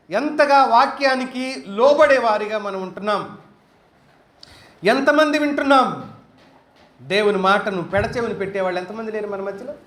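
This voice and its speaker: A male preacher with a notably high voice delivers his sermon emphatically, driving points home by repeating key phrases. His voice rings through a roomy, echoing space. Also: a bit bright. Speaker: pastor. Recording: roomy hall echo.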